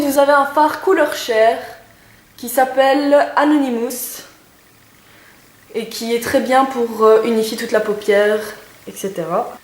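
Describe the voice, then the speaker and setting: A woman's voice: on the high side, darkish tone. A young woman reviewing makeup in a casual, chatty way, with many hesitations and lots of enthusiastic praise. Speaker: beauty vlogger. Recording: echoey room with faint noise.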